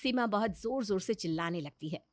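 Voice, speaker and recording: A woman narrating a children's story in an expressive, sing-song way. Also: mid-range voice, fairly quick, dry recording.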